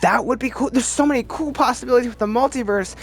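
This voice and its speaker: Over soft background music, a man with an extremely high-pitched voice talks fast while hosting a film ranking video. His movie commentary is casual and opinionated, rambling along and repeating words often for emphasis.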